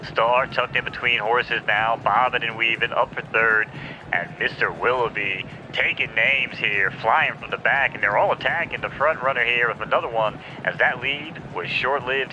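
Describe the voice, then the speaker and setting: Fast excitable male race caller. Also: mid-range voice. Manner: rapid excitable race-call delivery, then sheepish chatter. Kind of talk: live virtual horse race call. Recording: dull lo-fi sound with clear background noise.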